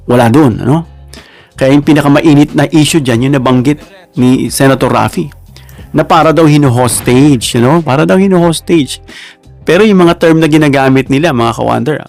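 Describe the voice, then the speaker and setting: A man's voice: mid-range voice, normal speed, gravelly, darkish tone, faint music behind. A man with a Filipino accent giving casual political commentary, chatty, with constant tag questions and asides to his viewers.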